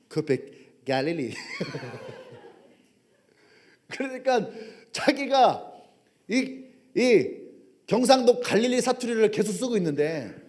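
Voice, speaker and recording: A male pastor preaching a sermon, telling stories with animated humor. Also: sits high.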